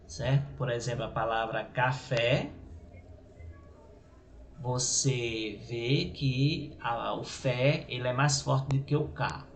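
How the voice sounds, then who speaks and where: A male teacher with a Brazilian Portuguese accent giving a grammar lesson, halting and repeating words, often checking with his listeners. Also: mid-range voice, fairly even intonation. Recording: echoey room with faint noise.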